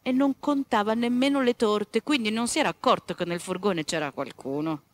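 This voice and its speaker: Woman storyteller reading to children, lively, chatty asides. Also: medium pitch, normal speed. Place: former convent venue.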